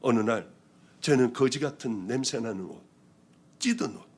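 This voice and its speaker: A male pastor from South Korea preaches about his own testimony at normal speed, his mid-range voice carrying a breathy edge. He performs lively quotes along the way, moving from loud eruptions to soft whispers.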